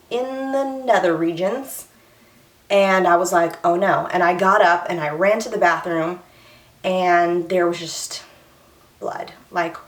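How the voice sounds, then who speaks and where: A young woman, chatting candidly in a personal vlog and a little short of breath. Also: lowish voice. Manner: candid and chatty, with many fillers and restarts. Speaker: vlogger. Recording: echoey room, voice a bit far from the mic.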